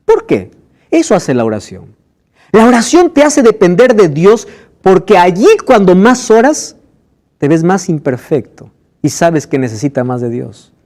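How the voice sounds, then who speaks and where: A man preaching a sermon in a high, lively voice that swoops up and down. He keeps asking his listeners questions and slows down to act out the scripture quotes with drama. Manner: rhetorical questions to the congregation, dramatic slowed quotes. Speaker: pastor.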